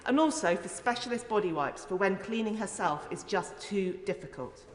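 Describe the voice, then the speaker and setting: A woman's voice: mid-range voice, animated, normal speed. A woman, a member of parliament, giving an earnest, emphatic and rhetorical speech in a formal parliamentary debate. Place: large indoor parliamentary chamber. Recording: echoey, reverberant debating chamber.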